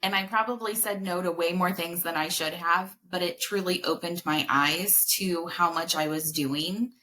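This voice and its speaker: Bright-voiced woman in her forties. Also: on the low side, moderate pace, slight background noise. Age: 40s. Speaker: podcast guest, senior care advocate. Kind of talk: casual chat.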